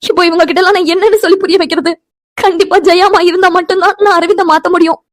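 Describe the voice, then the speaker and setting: An earnest young woman in a cartoon story, voiced by a woman, who begs with urgency. Her voice is very high and quick. The recording is dry and close. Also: steady tone, no room sound. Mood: pleading. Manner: pleading, begging, earnest. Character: young woman Pavithra, desperate and pleading. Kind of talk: cartoon voice acting.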